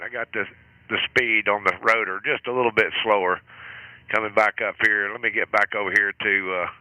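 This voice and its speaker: A man's voice: fairly low pitch, sharp tone, dry recording, rough recording. A man hosting a ham radio net, chatting casually and calling out call signs with an easy chuckle. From southern United States. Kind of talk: casual on-air radio chat. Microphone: station microphone.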